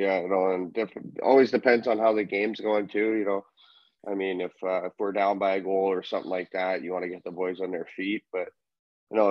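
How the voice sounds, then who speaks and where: A man's voice: sits low, dry recording. A young man from Canada, a hockey player, chatting easily as a guest over a video call, with short agreeable replies. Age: young adult. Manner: easygoing, brief agreeable replies. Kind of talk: casual interview chat. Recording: dull lo-fi video call audio.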